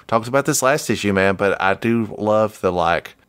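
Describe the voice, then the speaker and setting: A man co-hosting a casual comic-book podcast, summarizing panels and acting out their dialogue between easy laughs. His voice sits low and the recording is dry and close-miked. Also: normal speed, clean tone, no echo. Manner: relaxed, laughs often, acts out panel dialogue. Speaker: podcast co-host.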